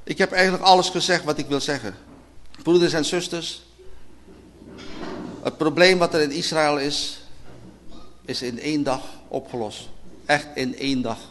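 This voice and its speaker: A Dutch-accented man preaching with a notably high-pitched voice. He hammers home key phrases again and again, rising to loud declarations and dropping back to soft, low stretches as he addresses the congregation. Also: moderate pace, pauses often, slight background noise. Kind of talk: sermon.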